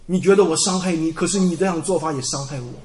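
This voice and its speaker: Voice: medium pitch, quick pace, a little mellow, roomy sound. A preacher giving a sermon to the congregation, impassioned and full of rhetorical questions.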